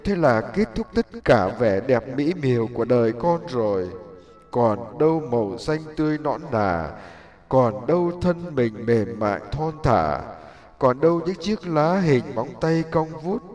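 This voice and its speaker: A man voicing a humble young bamboo tree in a spoken story, talking softly and pleading. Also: medium pitch, lively intonation, measured pace, close to an everyday voice. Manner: soft, pleading, tearful delivery. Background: faint background music.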